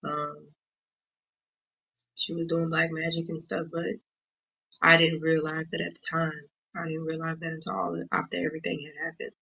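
Woman guest, gravelly and bright, halting delivery, dull lo-fi recording. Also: low-pitched, level tone. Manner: hesitant, many pauses and ums. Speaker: guest sharing her story. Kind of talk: casual interview talk.

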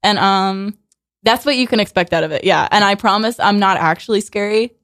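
A young woman in her twenties talks casually as a musician guest in a radio studio. She is chatty and a little sarcastic, laughs often and fills her speech with "like". Her voice sits at an ordinary middle pitch, and the studio mic sounds close and dry. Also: a little fast, fairly bright tone, no echo. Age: 20s. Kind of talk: casual interview chat.

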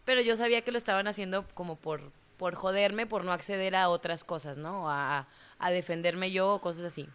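A woman's voice: on the low side, a little fast, clear, resonant tone. Young woman, northern Mexican accent, dancer, chatty storytelling, acts out dialogue. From Monterrey, Mexico. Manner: animated, colloquial, acts out quoted dialogue. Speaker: dancer in a ballet company. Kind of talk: storytelling in an interview.

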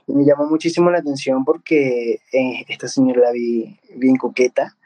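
A man's voice: medium pitch, level tone, moderate pace, mellow, poor audio. A man who works as a spiritual medium, talking casually and earnestly, often tagging his sentences with a questioning "ok?". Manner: earnest, keeps adding a questioning "ok?" tag. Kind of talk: casual conversation.

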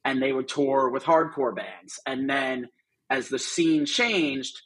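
A man's voice: mid-range voice, steady tone, slow, fairly bright tone, breathy edge, rough recording. A middle-aged man, a guest on a podcast, telling stories about his career in a casual, rambling way with lots of fillers. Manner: chatty, rambling with many asides and fillers. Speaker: guest, artist manager. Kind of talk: casual interview storytelling.

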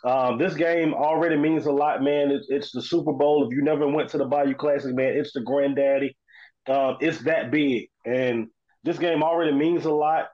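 A man's voice: on the high side, steady tone, moderate pace, a little mellow, dull audio. A man giving casual, informal sports commentary as a panel analyst. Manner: informal, conversational, often says "man".

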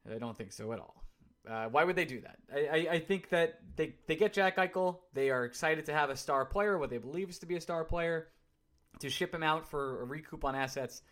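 A man's voice: fairly high pitch, fairly bright tone. A man co-hosting a sports podcast, reading listener questions with wry, casual remarks. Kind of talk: casual chat.

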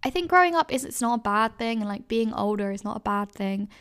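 A woman's voice: on the high side, clear, resonant tone. A woman in her twenties hosting a podcast, giving casual advice in a chatty way, full of fillers and self-corrections. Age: 20s. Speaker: podcast host.

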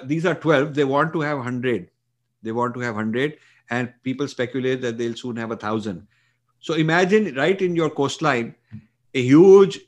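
Earnest man answering interview questions. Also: mid-range voice. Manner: earnest, emphatic, with frequent fillers and restarts. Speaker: author and interview guest.

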